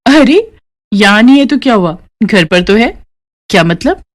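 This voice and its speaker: A woman's voice: mid-range voice, very animated, unhurried. A woman voicing scheming female gambling friends in a cartoon story, coaxing and cajoling.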